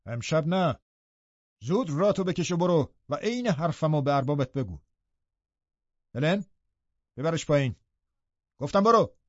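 Man voicing a restrained sorrowful gentleman. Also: a little high, lively intonation, long pauses, dry recording, voice pushed up, lightly acted. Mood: firm. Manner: quiet, restrained, then firm. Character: grieving gentle gentleman, master of the house. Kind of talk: audiobook reading. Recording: dull, dry studio recording.

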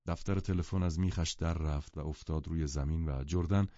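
A man narrating a novel as an audiobook, in a measured, even delivery. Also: very deep voice, no echo. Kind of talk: audiobook reading. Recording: dull lo-fi audiobook sound.

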